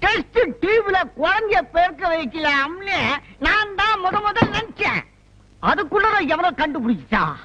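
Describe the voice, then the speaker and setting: A man's voice: very high-pitched, big pitch swings, moderate pace, muffled recording, heavy background noise. An actor playing a boastful, eccentric male doctor who claims to have invented everything, in a theatrical film comedy. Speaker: quack doctor. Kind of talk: 1990s film comedy acting.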